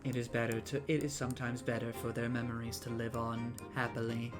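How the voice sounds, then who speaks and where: A man talking in a flat, robotic monotone, serious and measured, as casual commentary while he draws. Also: medium pitch, over music.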